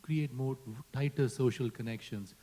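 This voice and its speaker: A man's voice: medium pitch, normal speed, warm tone, poor audio. A man with an Indian accent moderating a panel discussion, earnest and often tagging "right?" onto his points. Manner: earnest, asks rhetorical questions with "right?".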